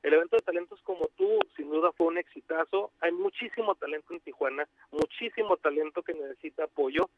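A man's voice: fairly high pitch, dry recording. Mexican man on a muffled phone line. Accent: Mexican Spanish. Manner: halting, many restarts and fillers. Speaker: university outreach coordinator, interview guest. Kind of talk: phone interview on radio. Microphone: telephone.

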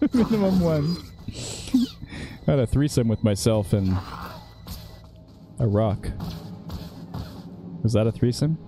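A man playing a video game and bantering casually, joking and laughing often, reacting loudly to the game. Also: lowish voice, animated, takes it slowly, pauses often. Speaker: gaming streamer. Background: game music.

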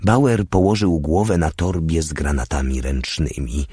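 Deep husky audiobook narrator, man. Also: measured pace, warm tone, dry recording, studio quality.

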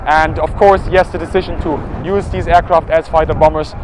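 A man's voice: a little high, fairly even intonation, noisy background. A man in his thirties giving an informative walkaround tour of an aircraft, outdoors at an air show on a lapel mic. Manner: informative, brisk, pointing out details. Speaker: military history presenter.

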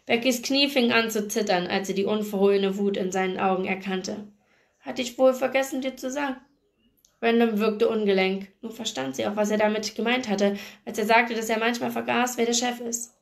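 A woman reading a novel aloud in a steady, expressive way. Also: medium pitch, a little fast, creaky, hardly any pauses. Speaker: book reader.

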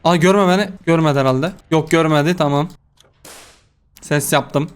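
A man's voice: a little high, moderate pace, clean tone, soft background music. A young man giving casual let's-play commentary on a horror game, jumpy and swearing, talking back to the game at a desk mic. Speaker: gaming YouTuber.

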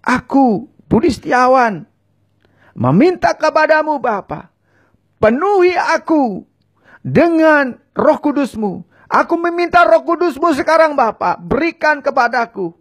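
A man's voice: very high voice, sing-song, unhurried, long pauses. A man preaching and leading viewers in a fervent prayer, giving short lines for them to repeat. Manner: speaks in tongues.

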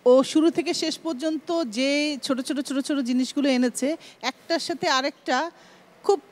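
A woman's voice: high voice, steady tone, normal speed. A woman, a dance teacher judging a show, explaining and reciting dance rhythm syllables with a Bangladeshi Bengali accent. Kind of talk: judge's comments.

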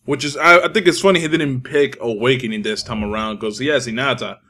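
Talking fast with a sharp edge, this young gaming YouTuber of Dominican background trash-talks and curses casually through live commentary on his own online match. His voice is mid-range, and game music plays behind him.

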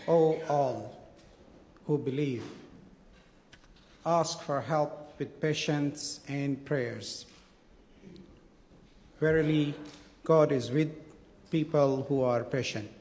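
Middle-aged man, very slow, measured, solemn prayer, long reverb of a big chamber. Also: medium pitch, darkish tone, slight background noise. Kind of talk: formal translation and prayer. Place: large parliament chamber. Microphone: stand microphone. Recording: long reverb of a large hall.

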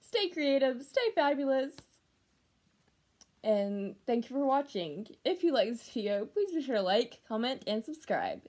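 Higher-voiced young woman, halting vlogger. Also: big pitch swings, a little mellow. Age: young adult. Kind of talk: casual channel update to camera. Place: small room at home, indoors.

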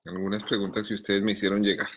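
A man, reading his news column in a measured, deliberate way, then answering viewer questions between coughing fits. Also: fairly low pitch, little pitch movement. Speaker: journalist columnist.

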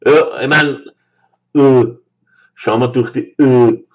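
A man's voice: medium pitch, fairly even intonation, slow. Viennese man ranting into a lo-fi webcam. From Austria. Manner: emphatic, repeats points, many fillers. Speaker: football fan vlogger. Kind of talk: opinion monologue to camera. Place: small room indoors. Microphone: webcam close up. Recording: dull lo-fi webcam audio.

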